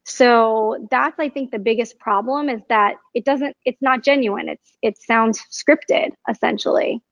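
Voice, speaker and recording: A woman co-hosting a casual talk show, explaining her view in a measured, thoughtful way. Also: a little high, no room sound. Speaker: podcast co-host. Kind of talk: casual conversation. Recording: dull, dry sound.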